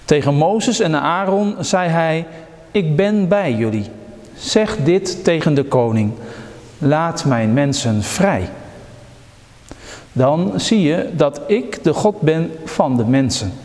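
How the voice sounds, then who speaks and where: A man reading the part of Jesus in a children's story, calm and kindly. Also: on the high side, slow pace, in a large hall. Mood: patient. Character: a gentle patient adult male Jesus.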